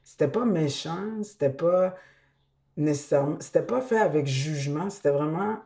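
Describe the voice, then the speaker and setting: A woman's voice: deep voice, animated, moderate pace, mellow. A woman, thoughtfully recounting a childhood memory in a documentary interview. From Quebec.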